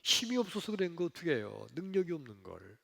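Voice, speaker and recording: A male pastor preaching a sermon in a church, telling the story dramatically, acting out voices and swinging between loud outbursts and hushed lines. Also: on the high side, sing-song, fast talker, vocal fry. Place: church sanctuary. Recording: long hall reverb.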